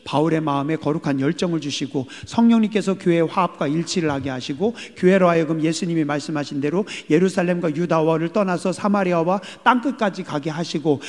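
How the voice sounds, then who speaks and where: A male pastor preaching a sermon, firing questions at the congregation and swinging between loud calls and hushed words. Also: a little high. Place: church sanctuary. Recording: long hall reverb.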